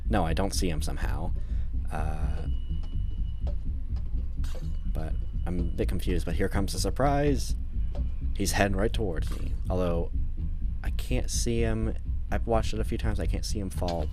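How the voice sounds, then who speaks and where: A man's voice: low-pitched, creaky. A man casually talking through a game walkthrough, rambling and correcting himself as he goes. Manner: rambling, self-correcting, conversational. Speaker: gameplay commentator.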